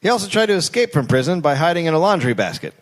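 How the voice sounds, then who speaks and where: A man hosting a comedy podcast, telling a story aloud with wry, quick asides between story beats. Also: a little high, very animated.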